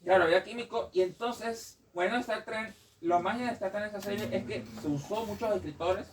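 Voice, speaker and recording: A man's voice: high voice, moderate pace, distant mic, poor audio. A man speaking as a panelist at a bookstore debate, rambling and correcting himself often. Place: bookstore event.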